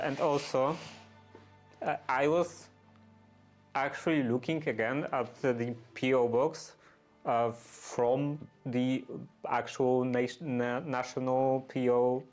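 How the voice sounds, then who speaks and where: Man, casual unscripted talk, halting, monotone, unhurried, music in the background. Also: medium pitch. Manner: halting, hesitant, often searching for words. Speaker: streamer doing workshop restoration.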